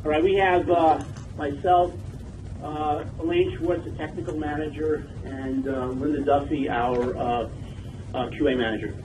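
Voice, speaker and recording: A man from a forensic lab, heard over a speakerphone, explaining his lab's position at a meeting in a measured way with frequent hesitations. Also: on the high side, steady tone. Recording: distant noisy speakerphone line.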